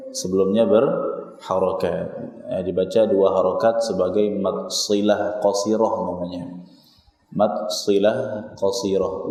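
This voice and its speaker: An Indonesian man teaching Quran recitation, drilling syllables slowly and repeating each sound for his students. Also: on the low side, dark tone. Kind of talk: tajwid lesson with slow demonstrated recitation. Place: small prayer room. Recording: echoey, long reverb hall sound.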